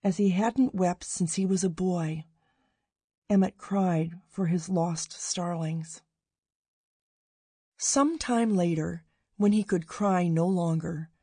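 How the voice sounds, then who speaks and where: A woman narrating a Christmas story slowly and expressively. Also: on the low side, mellow, husky, no echo. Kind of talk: Christmas story read aloud.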